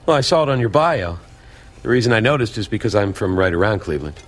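A man's voice: lowish voice, expressive, fast. A suspicious guy poking holes in a story, dry and pointed, radio drama. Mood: probing. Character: suspicious, probing older man.

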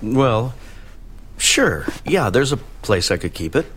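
A man's voice: medium pitch, slow, slight background noise. An easygoing young small-town man. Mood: friendly. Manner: relaxed, stumbling over words when flustered. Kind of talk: radio drama acting.

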